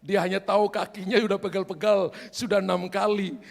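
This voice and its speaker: A man delivers a storytelling sermon, his voice high and gravelly. He acts out his characters' lines as he goes. The sound carries a long reverb from a large hall. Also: level tone, a little fast. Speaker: pastor.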